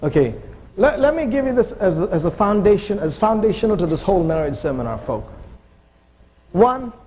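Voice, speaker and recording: A man's voice: high voice, sing-song, fairly quick, a little mellow, highs cut off. A man from India, preaching a sermon to a church congregation in an earnest, emphatic way, with joking asides. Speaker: visiting missionary preacher. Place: church sanctuary.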